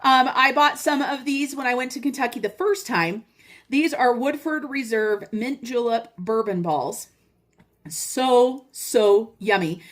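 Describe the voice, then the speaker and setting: An older woman chatting casually as a vlogger, heartfelt and talking straight to her viewers. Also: fairly high pitch. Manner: chatty and heartfelt, addresses viewers as you guys. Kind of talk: casual chat.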